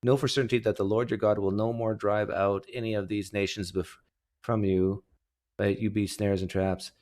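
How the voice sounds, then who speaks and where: A man's voice: on the low side, little pitch movement, a little mellow. A man hosting an open online call, talking casually and joking through a religion debate. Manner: joking, loose, drawn-out talker. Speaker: host of an open online hangout.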